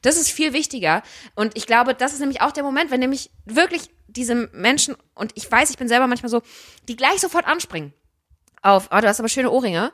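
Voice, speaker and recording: A woman co-hosting a podcast in casual chat, talking emphatically and opinionatedly with quick asides. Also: a little high, animated, fairly bright tone. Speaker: podcast co-host.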